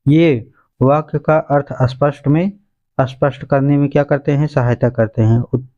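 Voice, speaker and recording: A man's voice: mid-range voice, fairly even intonation, moderate pace, dark tone, lo-fi sound. A male teacher going through exam questions and answers point by point, calling his listeners friends. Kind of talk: exam revision lesson.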